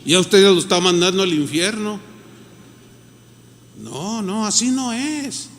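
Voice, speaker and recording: Mexican pastor, kinda high voice, chatty sermon that acts out voices, big echoey church. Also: male voice, lively intonation, unhurried, slight background noise. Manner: conversational preaching that acts out quoted voices.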